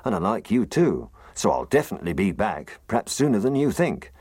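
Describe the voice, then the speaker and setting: A man voicing a gruff, chatty male snowman in a storybook reading. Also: fairly low pitch, sing-song, fairly quick, dry recording, clean studio sound, voice pushed up, heavily acted. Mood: friendly. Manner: loud, friendly, fussing.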